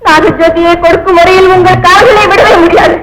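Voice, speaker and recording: An actress playing a devoted young wife who pleads impassioned and tearful, in 1950s film melodrama style. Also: female voice, extremely high pitch, fairly even intonation, a little fast, very noisy. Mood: pleading. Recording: old film soundtrack with loud music.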